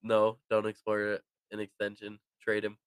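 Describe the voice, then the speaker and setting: A man's voice: fairly low pitch, monotone, normal speed, clean tone, dry recording. A young man co-hosting a casual sports podcast, answering in a laid-back, joking, slangy way. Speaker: podcast co-host.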